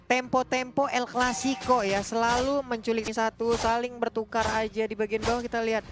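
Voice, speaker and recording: Female Indonesian esports caster, high pitch, slangy and playful, with music behind. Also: normal speed. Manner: playful, slangy, repeats words excitedly. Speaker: esports shoutcaster. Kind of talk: live game commentary, colloquial.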